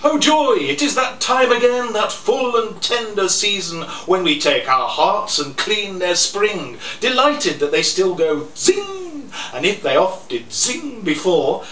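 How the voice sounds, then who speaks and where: At a live cafe event, an older man gives a slow, theatrical reading of his own poems to an audience in a small room, chuckling between pieces and adding asides. His high voice swings widely in pitch and sounds pushed and bright, caught by a stand mic set a little off to the side. The roomy, distant camera audio carries faint noise.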